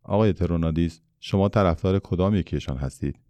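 A man voicing a gentle, curious boy in a storybook reading, speaking in an earnest, questioning way. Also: deep voice, no room sound, close to an everyday voice. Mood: indignant.

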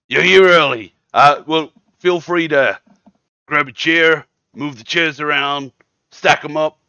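A man voicing a boisterous, overfriendly leader of an anti-drink protest group, talking loudly and rambling. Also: fairly high pitch, dry recording, muffled recording.

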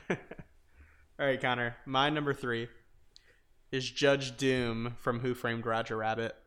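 A man's voice: mid-range voice, flat delivery, slow, pauses often, fairly bright tone, clear, resonant tone. A man in casual chat, upbeat and laughing, running through his list. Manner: enthusiastic, laughing. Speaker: co-host.

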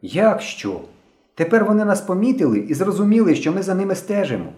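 A cautious schoolboy, high-pitched and insistent, keeps scolding his friend, as a man puts him on. The tone is mellow and lively, set in a roomy, echoey space. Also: brisk. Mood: reproachful. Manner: reproachful, insistent. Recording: roomy echo.

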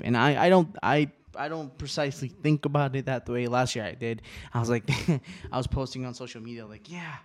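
A man's voice: mid-range voice, a little mellow. A man in his twenties hosting a podcast, rambling casually, swearing a lot and laughing often. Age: 20s. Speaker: podcast host.

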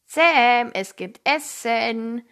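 A woman voicing an excitable, cheerful young boy who talks brightly and eagerly in a storybook reading. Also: on the high side, moderate pace, natural voice.

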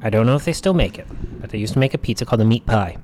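A man's voice: fairly low pitch, lively intonation, very fast, a little mellow, a little hiss or hum. A man in his thirties with a standard American accent, co-hosting a podcast in casual banter and telling stories animatedly. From United States. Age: 30s. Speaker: podcast co-host.

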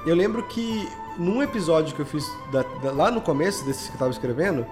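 A man from Belo Horizonte speaks a little fast in an animated voice on the high side. With a Minas Gerais Brazilian accent, this podcast guest and audio drama podcast creator chats casually and shares anecdotes in slangy speech, over background music.

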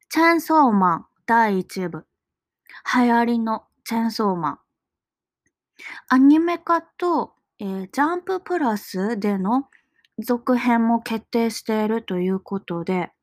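Solo woman host, unhurried and reflective, slipping into soft murmurs, dry close recording. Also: a little high, no echo. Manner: slow, musing, trails off into soft near-whispered asides. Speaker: solo podcaster. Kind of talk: casual reading-log monologue.

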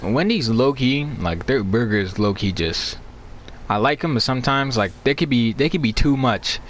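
A man's voice: medium pitch, expressive, normal speed, slight background noise. A young man co-hosting a podcast in casual, slangy banter, repeating himself for emphasis. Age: young adult. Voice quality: slangy speech. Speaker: podcast co-host.

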